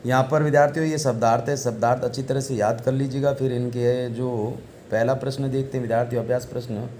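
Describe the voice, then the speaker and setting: A man's voice: medium pitch, steady tone, fast, a little mellow, slight background noise. A male teacher giving an online class lesson, reading Sanskrit text aloud and explaining it in Hindi, asking the class questions and answering them himself.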